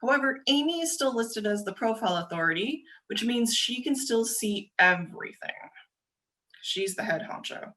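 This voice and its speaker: Woman quickly explaining a webinar. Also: on the high side, expressive, pushed and bright. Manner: quick, chatty explaining with frequent um and uh fillers. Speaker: presenter for a government agency. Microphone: video call.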